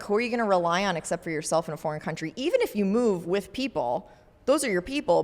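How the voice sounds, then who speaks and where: Chatty woman co-host, echoey room. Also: mid-range voice. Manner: chatty, frequent fillers. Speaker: podcast co-host. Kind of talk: casual chat.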